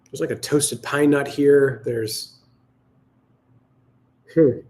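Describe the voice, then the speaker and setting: A man's voice: medium pitch, fairly even intonation, a little mellow. Musing man talking through wine tasting notes. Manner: musing, halting, reflective. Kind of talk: casual sommelier tasting notes, thinking aloud.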